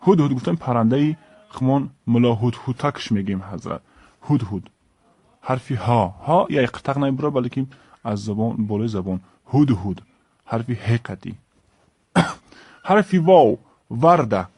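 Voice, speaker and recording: Brief: male teacher, Tajik accent, slow drill voice, dry close sound. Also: medium pitch, lively intonation, a little mellow, husky, dry recording. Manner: slow, repeats each word, stresses letter names. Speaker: Arabic teacher. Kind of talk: alphabet lesson.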